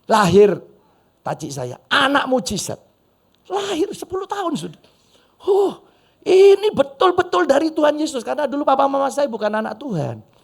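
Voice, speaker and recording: A middle-aged pastor with an East Javanese accent preaches in a lively, story-driven way and keeps breaking off to address his congregation. His voice is fairly high for a man and leaps all over the scale, with a gravelly rasp running through it. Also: normal speed. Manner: animated, humorous storytelling with audience asides. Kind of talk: storytelling sermon. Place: church service.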